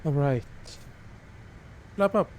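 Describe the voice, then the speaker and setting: A man's voice: on the high side, slow pace, a little mellow, slight background noise. A man flying a flight simulator online, giving terse pilot-style cockpit callouts and checklist items.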